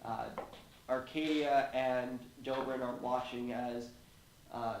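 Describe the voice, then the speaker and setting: A man's voice: medium pitch, steady tone, takes it slowly. Casual man narrating a game recap. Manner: narrates with fillers, jokey asides. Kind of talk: casual tabletop chat. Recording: echoey room with faint noise.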